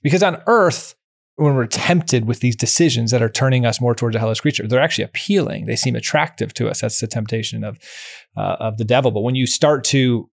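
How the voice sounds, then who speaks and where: A man hosting a podcast, speaking in a measured way as he brings up something he read to frame a question. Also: medium pitch, gravelly, no echo, clean studio sound. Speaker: podcast host. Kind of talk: interview conversation.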